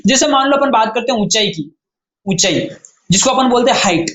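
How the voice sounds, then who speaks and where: A man's voice: very high voice, lively intonation, brisk, fairly bright tone. A man teaching a science lesson to exam students in Hindi with a Rajasthani accent, often repeating key terms back as questions. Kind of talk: classroom-style lecture. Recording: echoey room, faint noise.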